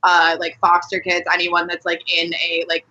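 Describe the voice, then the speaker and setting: An adult performer from Colorado chats casually and candidly as a podcast guest, sprinkling "like" throughout. Her voice is on the low side, monotone and sharp, at a normal speed, with lo-fi audio.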